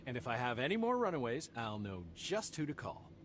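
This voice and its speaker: A man's voice: medium pitch, big pitch swings, fairly quick, slight background noise, natural voice. An actor playing a weary middle-aged male bureaucrat with a dry, resigned manner in video game dialogue.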